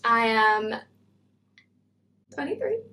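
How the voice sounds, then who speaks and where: A woman's voice: a little high, very animated, very slow, sharp tone. A woman, chatting bubbly and self-mocking through a book haul vlog. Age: 20s. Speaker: booktuber. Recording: echoey room.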